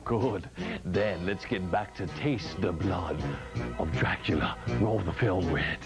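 A man's voice: deep voice, slow. A man speaking as a campy horror host, a mad monk with theatrical, joking patter full of puns. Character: campy mad old monk hosting late-night horror films. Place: small TV studio set. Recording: 1980s TV broadcast with music behind.

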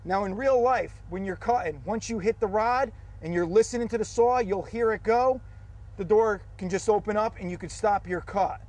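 A man with a high-leaning voice walks through a hands-on fire drill outdoors. His delivery is practical and methodical, laying out each step of the technique. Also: normal speed, a little mellow. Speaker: fire service instructor. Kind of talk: instructional demonstration.

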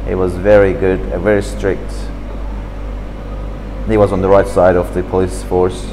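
This man has a deep voice and talks at normal speed. In his fifties and from Turkey, he chats animatedly in slightly broken English about his childhood, gesturing as he's interviewed at a café table indoors. A camera across the table records it in low quality, with a little hiss or hum and a big-room sound.

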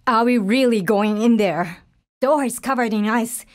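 A woman with a slightly high voice plays a tough, determined young survivor of a zombie apocalypse in a video game. Her short dramatic callouts are terse, urgent, focused, and businesslike, delivered unhurriedly and lightly acted.

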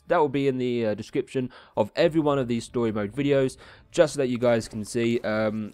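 In a medium-pitched, slightly mellow voice, a man chats casually through a gaming video and reads the story dialogue in a theatrical way. Game music sits behind him, and the recording has no room sound.

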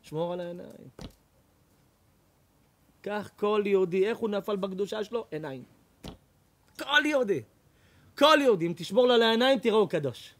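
A man, a rabbi, giving an animated sermon, loud, repetitive and mocking. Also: sits high, pauses often. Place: lecture hall.

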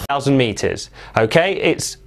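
Stumbling vlogger man, lively swings. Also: medium pitch, gravelly. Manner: stumbling, restarting, swearing at own flubs. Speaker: vlog host. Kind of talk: casual vlog outtakes. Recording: noisy background.

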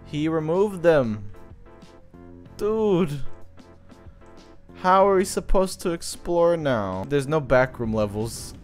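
A young man giving excited, playful gameplay commentary, shouting at the game now and then. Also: fairly high pitch, measured pace, few pauses. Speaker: gaming video creator. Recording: game music playing softly behind.

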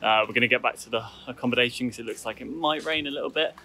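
A man hosting a casual travel vlog outdoors on a tropical island, chatty and relaxed, talking to a handheld camera. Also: medium pitch, racing. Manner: chatty, relaxed, self-correcting. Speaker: travel vlogger host.

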